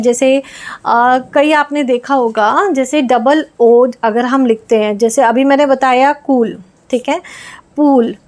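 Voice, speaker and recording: A woman's voice: high-pitched, a little mellow. A woman teaching English reading in a lesson, patiently sounding out letters one at a time. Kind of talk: explaining phonics lesson.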